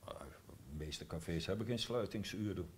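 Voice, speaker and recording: A man's voice: low voice, moderate pace. An older man hosting a live literary café talk, putting in dry, teasing remarks. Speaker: host.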